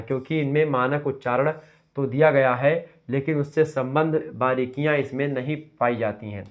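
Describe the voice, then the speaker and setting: Lo-fi lecture from a man. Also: mid-range voice. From Uttar Pradesh, India. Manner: explanatory, repeats key terms with "ठीक है". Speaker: teacher. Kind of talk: exam revision lecture. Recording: lo-fi dull sound.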